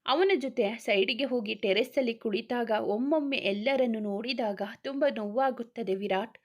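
A woman with a Kannada accent narrating a serialized romance story in a steady reading voice. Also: a little high, moderate pace.

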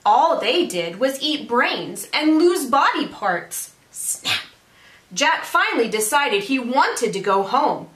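Slowly and very animatedly, a woman in her thirties who teaches reads a kids' storybook in a high, somewhat bright voice. The setting is a small room with a brick wall, recorded by a camera several feet off, so the audio is distant and echoey.

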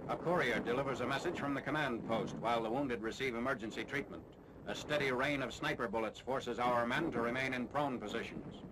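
A man reads war footage in the brisk, authoritative manner of a 1940s newsreel. His pitch is average. The old newsreel soundtrack is thick with loud noise and battle sounds. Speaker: newsreel narrator. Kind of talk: 1940s wartime newsreel narration.

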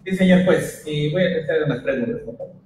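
A man, a defense lawyer, questioning the witness in a halting way and correcting himself as he goes. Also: fairly high pitch, very echoey, recorded from a distance, noisy background. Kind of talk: courtroom questioning.

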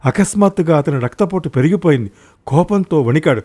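Guy reading a village story out loud, does all the voices himself. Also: lively intonation, a little fast. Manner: voices characters with raised pitch and volume. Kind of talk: dramatic audiobook narration.

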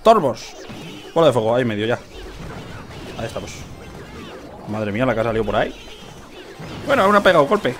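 A man from Spain giving casual gameplay commentary, excitable, shouting at the game, cursing and laughing as he plays. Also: mid-range voice, a little fast, pauses often, music in the background. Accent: Spain Spanish. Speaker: gaming youtuber.

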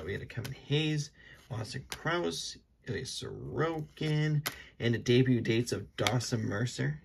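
A young man with a low, gravelly voice talks loosely and unscripted as he opens packs of trading cards. He rambles, fills pauses with ums and corrects himself often. A faint hiss sits under the recording. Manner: relaxed, rambling, many ums and self-corrections. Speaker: card-opening video host. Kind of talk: casual unscripted commentary.

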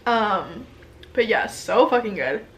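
A woman's voice: medium pitch, animated, slow, a bit bright. A young woman vlogger chatting casually about food while eating, talking with her mouth full. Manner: chatty, upbeat, talks between bites. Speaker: mukbang vlogger.

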